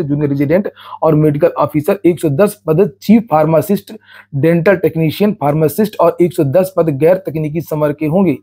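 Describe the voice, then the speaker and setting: Slightly high and warm, a man's voice reads out recruitment notices and explains them plainly, often repeating a word along the way.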